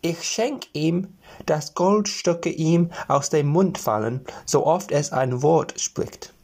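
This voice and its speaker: A man voicing three little forest men in a fairy tale, speaking in a raised voice and a slow, solemn manner. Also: fairly high pitch, darkish tone, pitched above the performer's own voice. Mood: kindly. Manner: slow, solemn gift-giving.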